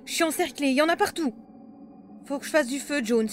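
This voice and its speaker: A woman voicing a jumpy female soldier in an amateur horror audio drama, with quick, teasing banter. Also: sits high, a little hiss or hum, lightly acted. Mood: panicked.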